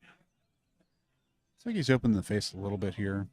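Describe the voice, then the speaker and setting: A man's voice: on the low side, very animated, unhurried, a little mellow. A man giving golf colour commentary as a co-commentator, in short, analytical remarks.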